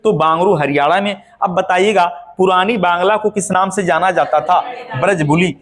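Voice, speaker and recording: High-voiced Hindi teacher drilling answers. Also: male voice, moderate pace, a bit bright. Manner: drills answers with repeated questions. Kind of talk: exam-prep lesson.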